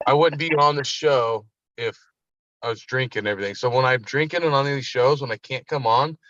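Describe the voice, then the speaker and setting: A man's voice: medium pitch, fairly quick, pushed and bright, dry recording. Casual swearing man, call-in from a parked car; slightly muffled, dry. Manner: loose, swearing, rambling. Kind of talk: casual chat. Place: parked vehicle, passenger seat. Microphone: phone.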